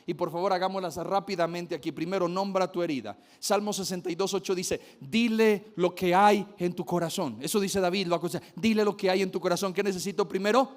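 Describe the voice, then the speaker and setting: A man's voice: high voice, a little fast, hardly any pauses. A man preaching a sermon, emphatic, repeating key phrases and speaking straight to his listeners.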